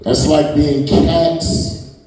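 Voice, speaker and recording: A man in his forties with a fairly high voice, little pitch movement, and a very slow delivery performs a crude, brash stand-up set, working the crowd on a comedy venue stage. The mic sits at a distance in an echoey hall, with a loud crowd and audience laughter behind him.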